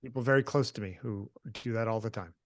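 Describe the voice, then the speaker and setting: A man talking as a guest in a conversation, relaxed and matter-of-fact, pushing back on the questions. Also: lowish voice, fast, no echo, clean studio sound. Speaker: guest photographer. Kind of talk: conversational discussion.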